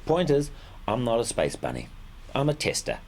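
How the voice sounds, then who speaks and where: A man voicing a meek, cheerfully resigned lab rabbit, halting and apologetic in an animated mockumentary interview. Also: mid-range voice. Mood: resigned, upbeat. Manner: halting, apologetic, stoically upbeat.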